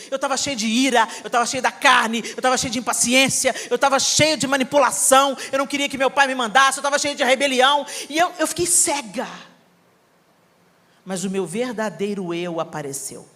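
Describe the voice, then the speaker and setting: A middle-aged Brazilian woman preaching a sermon, telling a family story with animated acting and bursts of shouting. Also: high-pitched, fast. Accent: Brazilian Portuguese. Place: church hall. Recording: reverberant hall, live sermon.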